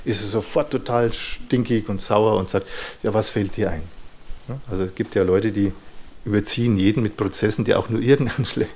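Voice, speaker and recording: A man with a somewhat low voice lectures an audience on psychology. He speaks thoughtfully, pausing to find his words and dropping small fillers as he goes. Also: a little mellow, a little hiss or hum. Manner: thoughtful, searching for words, frequent "ja" and "ne".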